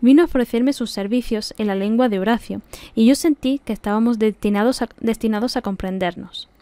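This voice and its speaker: A woman's voice: on the high side, fairly quick, warm tone, no echo. A woman with an Andalusian Spanish accent reads a classic novel aloud as scripted audiobook narration. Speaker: audiobook reader.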